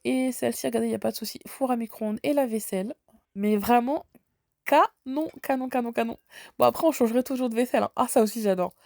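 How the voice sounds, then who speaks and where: This French shopping vlogger has a slight head cold and chats enthusiastically as she strolls through a large store, filling her talk with lots of fillers. Her voice sits on the high side, quick and creaky with a warm tone. The sound is clean studio quality with no room sound.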